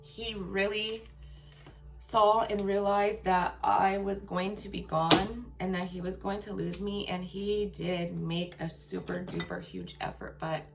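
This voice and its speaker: Speaking frankly and with emphasis, a woman shares a personal story with her viewers, often asking "okay?" to check in. Her mid-range voice is getting raspy after a long day at work.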